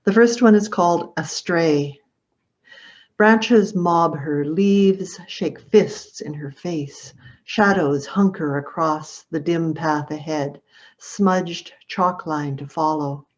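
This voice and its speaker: A woman poet reading her poems at home, slow and deliberate. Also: deep voice, dull audio. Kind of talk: poetry reading.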